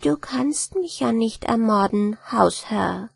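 A woman's voice: fairly high pitch, very animated, unhurried, breathy edge, no echo, exaggerated voice. A woman voicing a cheeky, clever female rat who answers coolly and innocently in a storybook. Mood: sly innocent. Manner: cool, innocent, mocking.

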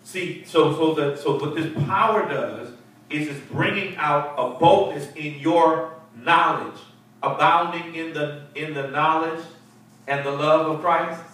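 Speaking a little slowly, this middle-aged pastor has a voice on the high side and a bit bright. He teaches a Bible study to a seated group in a church fellowship hall, preaching emphatically, repeating words and prompting responses. Recorded from a far camera despite his handheld mic, the audio carries hall echo and faint hiss.

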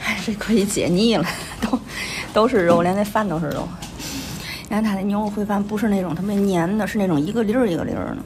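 A woman at medium pitch talks at a quick pace, her Tianjin accent clear as she casually vlogs her meal and comments on each bite. The setting is a small, busy indoor restaurant, and the recording picks up its noise and clatter.

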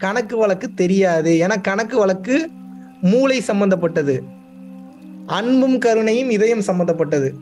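A man with a very high voice delivers a spiritual discourse to a class. He keeps asking rhetorical questions and repeats words to drive his points home, with faint music underneath. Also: expressive, moderate pace, darkish tone. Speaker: spiritual teacher.

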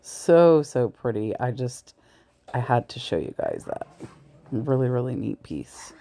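Big pitch swings mark this thrift vlogger's rumbling low, mellow voice, which carries vocal fry and moves at a measured pace. She chats with viewers while browsing a large thrift store, at times whispering, in casual shop-with-me style. A body-worn camera mic records from her perspective.

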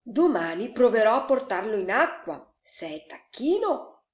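A woman's voice: on the high side, big pitch swings, unhurried, pitched above the performer's own voice. A woman voicing a protective mother duck. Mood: instructing. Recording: roomy echo, slightly dull sound.

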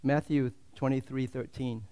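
A man preaching a sermon as a pastor in a church, swinging from loud, fervent declarations to hushed, quiet asides. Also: mid-range voice, steady tone, a little slow.

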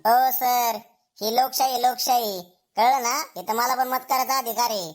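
A boastful, swaggering village schoolboy voiced by a woman talks big in a high, voice. He taunts and brags nonstop in this comedy sketch. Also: steady tone, normal speed, faint music behind, natural voice. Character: cocky schoolboy bragging about his power.

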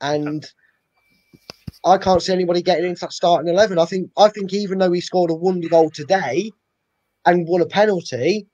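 This young adult man has a high-pitched, brisk, darkish voice and co-hosts a football fan channel, giving emphatic opinions in casual chat. He's indoors in his living room on a webcam video call, and the dry audio sounds dull and lo-fi.

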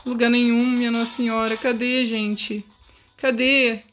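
A Brazilian woman with a fairly high voice plays through a game. She reacts with dramatic exclamations and keeps talking to her viewers. Faint game music sits low behind her. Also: little pitch movement, unhurried, fairly bright tone. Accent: Brazilian Portuguese. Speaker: gaming video creator. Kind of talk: let's-play game commentary.

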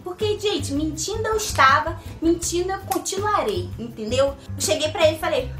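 A young woman from Brazil, a vlogger telling a comic story in a lively, dramatic way. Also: very high voice, normal speed. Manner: animated, dramatic, swings into put-on voices and sung bits. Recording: echoey room with faint music.

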